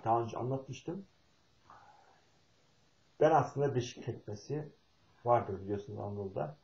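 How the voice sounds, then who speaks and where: A middle-aged man from Turkey telling a folksy, meandering family story with pauses and fillers. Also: medium pitch, creaky, darkish tone, echoey room, lo-fi sound. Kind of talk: spoken talk with personal storytelling.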